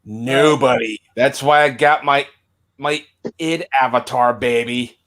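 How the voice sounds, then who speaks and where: A man's voice: medium pitch, slow, a bit bright. A man guest on a casual online podcast, talking eagerly as a fan and swearing casually.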